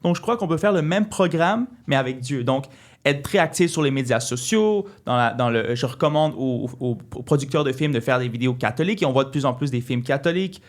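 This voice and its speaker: A man's voice: mid-range voice, lively intonation. A man, speaking earnestly as an interview guest and often restarting his sentences. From Quebec. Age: 20s. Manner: earnest, halting with many restarts. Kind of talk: casual interview talk.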